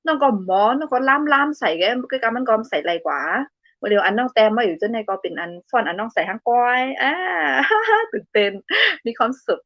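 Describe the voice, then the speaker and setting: A woman's voice: on the high side, very animated, fairly quick, dry recording, dull audio. Giggly woman hosting a casual live chat. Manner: giggly and playful, laughs often between remarks. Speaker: live-stream host reading viewer comments.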